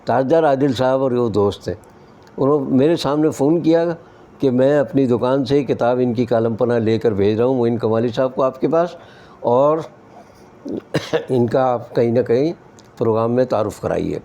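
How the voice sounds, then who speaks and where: An older Pakistani-born humor columnist talks in a relaxed, anecdotal way, slipping into playful imitations of how others mispronounce words. His voice is mellow and dark, sitting at an ordinary male pitch. The delivery is wry and unhurried, like a storyteller at ease. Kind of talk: relaxed anecdotal talk on language.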